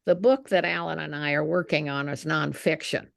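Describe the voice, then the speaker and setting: A woman's voice: low voice, fairly even intonation, moderate pace, vocal fry, no echo, clean studio sound. A woman writing a nonfiction book asks a question on a video call. She speaks hesitantly, with many fillers. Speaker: nonfiction author.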